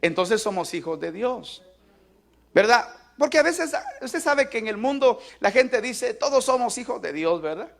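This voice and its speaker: A man's voice: very high voice, very animated, a little slow, gravelly, fairly bright tone. A man preaching a sermon as pastor, emphatic, asking the congregation to repeat lines aloud with him. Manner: emphatic call-and-response preaching.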